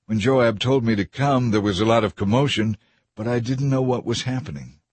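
Storybook young messenger, pleading, read by a man, husky voice. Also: mid-range voice, normal speed, no echo, natural voice. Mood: eager. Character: eager young messenger who pleads to run.

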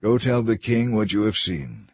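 A man's voice: lowish voice, big pitch swings, moderate pace, a little mellow, breathy edge, dry recording, exaggerated voice. A man voicing a blunt, ruthless army commander. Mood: stern.

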